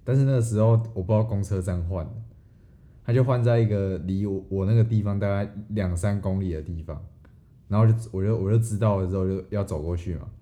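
A man's voice: lowish voice, fast, mellow. A young man with a Taiwanese Mandarin accent, chatting easily as podcast co-host, often restarting his sentences. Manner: easygoing, stammering restarts. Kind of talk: casual storytelling chat.

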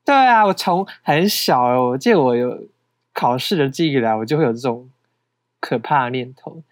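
A man's voice: medium pitch, lively intonation, normal speed, no echo. A young man with a Taiwanese Mandarin accent, co-hosting a podcast in casual, self-mocking chat. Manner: chatty, self-mocking, laughs often. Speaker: podcast co-host.

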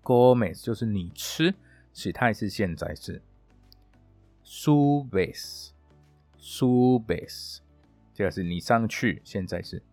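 A man hosting a podcast Spanish lesson, who repeats words slowly and clearly and talks with small fillers and restarts. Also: fairly low pitch, darkish tone, dry recording, soft background music. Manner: halting, with fillers and self-corrections. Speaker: Spanish teacher, podcast host.

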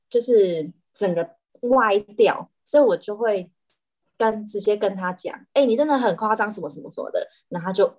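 A woman, speaking as a guest on a casual podcast. She tells stories in an animated way, doubling back and restarting her sentences. Her voice sits at a middling pitch. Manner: animated storyteller, frequent restarts.

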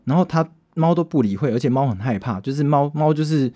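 A man's voice: medium pitch, fast talker. A man with a Taiwanese Mandarin accent, a band singer co-hosting a podcast, telling a story in casual chat and acting out the dialogue. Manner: animated storyteller, acts out dialogue, swears casually.

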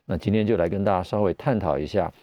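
Male radio doctor-host, middle-aged, Taiwanese Mandarin accent, fairly low voice behind a face mask, dry studio, measured explainer with pauses. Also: mellow, no room sound. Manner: speaking through a face mask. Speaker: radio show host and family physician. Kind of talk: live radio health talk.

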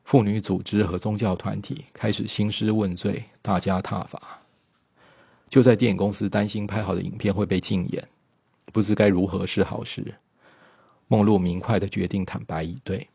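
A man narrating a biographical documentary in a steady storytelling manner, with occasional small slips. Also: on the low side, moderate pace, vocal fry, breathy edge, no echo.

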